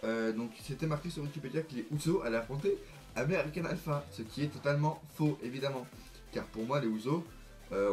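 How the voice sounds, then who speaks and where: A man with a hoarse, nearly gone voice, chatting eagerly and hesitantly in a casual predictions vlog, with many fillers. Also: mid-range voice, darkish tone. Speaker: wrestling fan vlogger.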